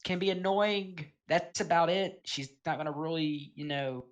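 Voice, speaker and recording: A man's voice: on the high side, normal speed, dull audio. Laid-back man rambling through game commentary. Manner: rambling, heavy on fillers like um and you know; laid-back, chuckles between points. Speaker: gaming video host. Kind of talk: casual tier list commentary.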